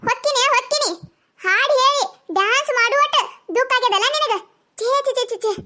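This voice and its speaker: A woman voicing a sharp-tongued, scolding village mother-in-law in a cartoon comedy, with a North Karnataka accent. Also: very high-pitched, brisk, noisy background. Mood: sarcastic. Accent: North Karnataka Kannada. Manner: nagging, sarcastic, scolding.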